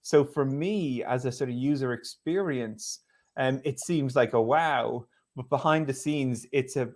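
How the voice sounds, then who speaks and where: A man with an Irish accent hosting a relaxed conversation, talking in a chatty way with lots of fillers and restarts. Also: medium pitch. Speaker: host. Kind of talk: casual conversational talk.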